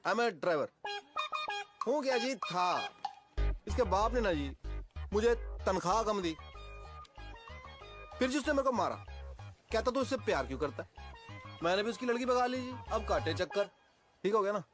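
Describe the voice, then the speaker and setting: A man's voice: sits high, sing-song, moderate pace, long pauses, fairly bright tone, faint music behind. An actor playing a cocky young male driver who has run off with his boss's daughter, talking in a joking, boastful way. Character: brash young male driver, cheeky eloper. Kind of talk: Hindi film acting. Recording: film audio with background score.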